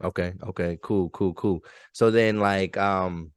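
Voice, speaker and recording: A podcast host in his thirties chats in a loose, conversational interview, his somewhat low voice smooth, steady and unhurried. The recording is fairly dry with no room sound, and his slangy, affirming speech is full of check-ins like "you know what I mean."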